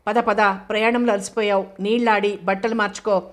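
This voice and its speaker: A woman reading the part of a young wife who scolds her old friend fondly and briskly, in a flat, even voice. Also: medium pitch, natural voice. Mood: scolding.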